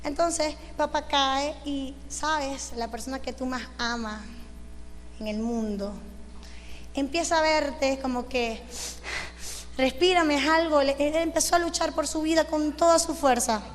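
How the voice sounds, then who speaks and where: A woman's voice: high voice, a little slow, long reverb tail, a little hiss or hum. A young woman telling her testimony as a sermon, acting out what people said and breaking into praise. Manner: emotional storytelling, acting out dialogue, shouts of praise. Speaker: preacher giving a testimony.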